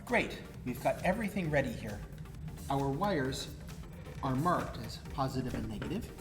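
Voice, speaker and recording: Her voice rumbles low and sounds expressive, moving at a normal pace. As the presenter and instructor of a DIY electronics show, she explains a hands-on tutorial step by step and poses questions along the way, with background music and roomy echo in the audio.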